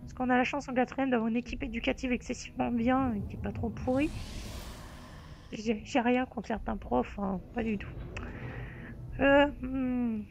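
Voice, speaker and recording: A man's voice: very high-pitched, steady tone, moderate pace, gravelly, lo-fi sound, slight background noise. A teenage boy hosting a casual chat, rambling and self-mocking as he talks. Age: teen. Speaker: YouTuber host. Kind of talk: casual chat over voice call.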